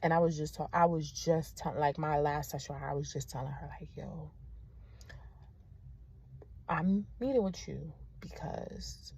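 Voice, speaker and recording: A young woman teacher, giving a candid vlog update straight to her viewers, often soft and subdued. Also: low voice, level tone, brisk, hardly any pauses, breathy edge.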